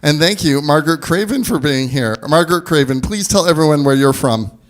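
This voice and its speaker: A man with a slightly high voice presides over a civic meeting as mayor. He speaks in a formal public-address style, as if to a council room. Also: animated, fairly quick.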